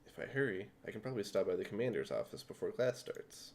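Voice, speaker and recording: Brief: man, lowish voice, dry exasperated game narration. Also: expressive, quick pace, a little mellow. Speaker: streamer reading the lead character. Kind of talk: casual game playthrough reading.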